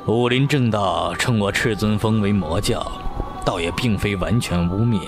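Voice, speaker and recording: Over music, a man with a natural, rather low voice portrays an urbane, experienced martial-arts master of middle age in a wuxia audio drama. His delivery is measured, theatrical, and avuncular, and his mood is reflective.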